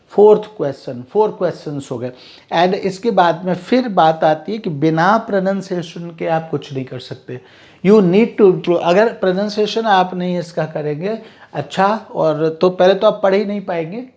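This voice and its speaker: A man's voice: high voice, warm tone. A man teaching a vocabulary lesson in Hindi mixed with English, repeating each word several times.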